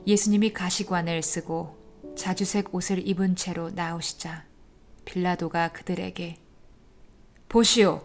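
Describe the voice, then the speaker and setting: Woman narrating scripture over soft music. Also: lowish voice, level tone, normal speed. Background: soft instrumental music.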